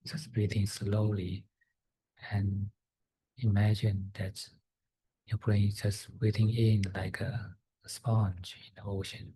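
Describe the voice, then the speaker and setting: Slow breathy man guiding meditation. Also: lowish voice, monotone, no echo, poor audio. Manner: slow, soft-spoken, with pauses and fillers. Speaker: meditation guide.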